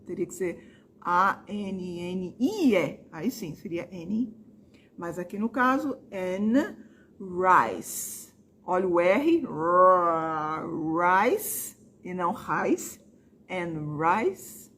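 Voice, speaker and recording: A woman, hosting a casual book-channel lesson in which she slowly demonstrates English pronunciations. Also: fairly low pitch, animated, fairly bright tone, a little hiss or hum. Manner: chatty, demonstrative, repeating words slowly.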